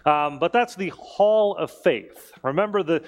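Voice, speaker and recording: A man's voice: a little high, animated, unhurried. A man speaking as a pastor in a conversational preaching style, in a reverberant church. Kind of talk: conversational sermon and church leading. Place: large indoor church space. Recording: reverberant hall.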